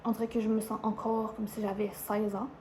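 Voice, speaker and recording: A woman's voice: medium pitch, flat delivery, fairly quick, a little mellow, a little hiss or hum. A woman in her twenties with a Quebec French accent, chatting to camera in a rambling way, full of fillers. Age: 20s. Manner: chatty, rambling, frequent "euh" and "genre" fillers. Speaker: vlogger, university student. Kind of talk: casual chat to camera.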